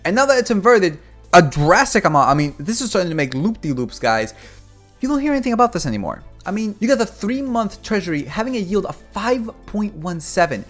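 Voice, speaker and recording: A Cuban man in his 20s runs a finance YouTube channel and offers casual market commentary, rambling in an animated way and calling his viewers "guys." His pitch swings up and down constantly, with faint music underneath.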